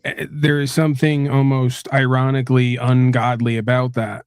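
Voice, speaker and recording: A man's voice: mid-range voice, flat delivery, moderate pace, clear, resonant tone, no room sound, clean studio sound. A man musing philosophically in casual discussion, often checking in with his listeners. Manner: reflective, often checks with "right?".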